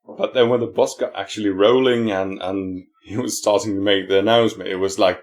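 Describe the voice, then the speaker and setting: A man's voice: lowish voice, fairly even intonation, brisk. A man with a Finnish accent co-hosting a podcast, telling rambling stories and laughing often. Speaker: podcast co-host. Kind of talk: casual podcast storytelling.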